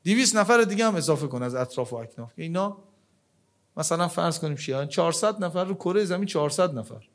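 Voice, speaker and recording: A man with a fairly high voice delivers a religious sermon. He turns questions loud and urgent, then drops to a hushed, low murmur for prayers. Arabic verses and invocations run through his preaching. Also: lively intonation. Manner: dramatic swings between loud emphatic questions and low hushed lines.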